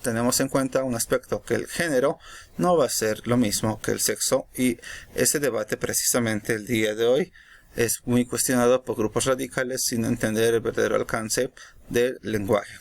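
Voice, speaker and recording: Measured male Spanish teacher. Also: mid-range voice, fairly even intonation, gravelly. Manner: measured, explanatory, checks in with "¿sí?". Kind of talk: recorded grammar lesson.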